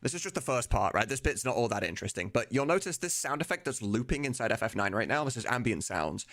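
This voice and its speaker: Over video game music, a streamer who makes voice mods chats casually and swears freely, thinking out loud as he goes. His medium-pitched voice swings widely in pitch, with a quick pace and a fairly bright tone.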